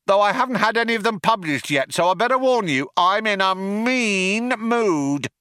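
A man voicing a moody male alien cop and would-be novelist, shouting from a distance, in an audiobook. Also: sits high, animated, normal speed, clear, resonant tone, dry recording, clean studio sound, pitched above the performer's own voice. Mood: grumpy.

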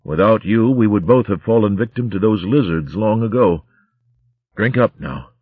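A man's voice: fairly low pitch, lively intonation, normal speed, slightly rough, no echo, narrow, tinny audio, voice pushed up. A man voicing a kindly old male mouse abbot who speaks tenderly in old-fashioned words.

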